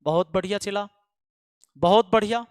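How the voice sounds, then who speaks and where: A man's voice: high-pitched, moderate pace, clear, resonant tone, no room sound, clean studio sound, big-room sound. A man who teaches math online, speaking to his students in an emphatic, scolding way and repeating lines for force. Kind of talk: impassioned address to students.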